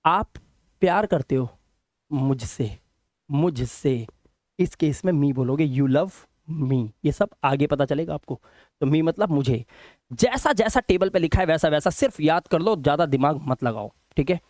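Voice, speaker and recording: A male teacher explaining English grammar to viewers, speaking slowly and repeating words and spellings in a sing-song drill. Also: on the high side, animated, darkish tone, no room sound, studio quality. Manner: explains slowly with repetition, addresses viewers directly; drills word lists in a slow, sing-song rhythm. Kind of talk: spoken English lesson in Hindi.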